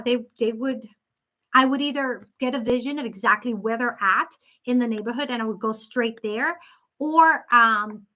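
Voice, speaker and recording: A woman hosting a psychic live stream, reading viewer comments aloud and answering them gently and sympathetically in loose, casual talk. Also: fairly high pitch. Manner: talks in loose, restarting sentences with many fillers.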